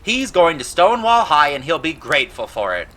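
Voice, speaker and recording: A man's voice: fairly high pitch, sing-song, fairly quick, sharp tone, slight background noise, voice pushed up. A man voicing an irate, stubborn middle-aged uncle, sputtering with indignation in a storybook audio drama. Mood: indignant.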